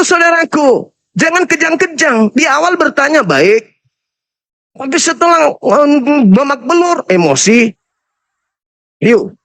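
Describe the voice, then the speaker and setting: A man's voice: extremely high pitch, a bit bright, dry recording. A man who leads Islamic apologetics, lecturing and taunting an opponent in a heated public religious debate.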